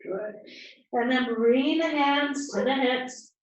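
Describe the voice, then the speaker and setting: Slow, calm female yoga teacher, echoey. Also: high-pitched. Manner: calm, encouraging cues with breath counts. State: slightly out of breath. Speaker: yoga instructor. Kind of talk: guided yoga class instruction. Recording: distant, echoey, muffled room sound.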